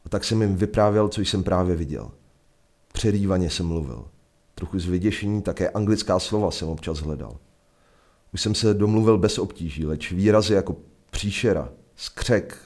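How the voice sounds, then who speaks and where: A Czech man telling a first-person adventure story in a measured, vivid narration. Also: sits low, a little mellow. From Czech Republic.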